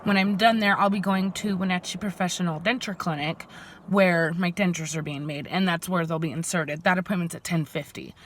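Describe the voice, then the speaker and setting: A woman's voice: fairly low pitch, steady tone, fairly quick, a bit bright, a little hiss or hum. A young woman vlogging in casual chat, stuffy from a head cold, with lots of ums and likes. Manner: chatty, many ums and likes.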